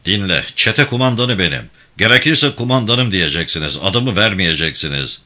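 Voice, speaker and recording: A man voicing a stern, commanding male militia band leader who gives hushed orders. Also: low-pitched, expressive, normal speed, full character voice.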